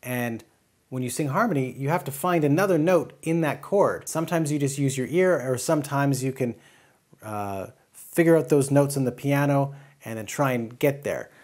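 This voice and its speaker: A middle-aged man and music educator, explaining things step by step in a relaxed teaching chat. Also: mid-range voice, moderate pace.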